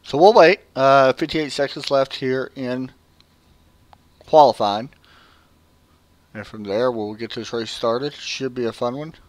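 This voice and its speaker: A man's voice: medium pitch, takes it slowly, long pauses, dry recording. A man with a Southern US accent giving casual, chatty live race commentary and interviewing drivers. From American South. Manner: casual, chatty, with frequent fillers. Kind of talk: live sim-racing commentary.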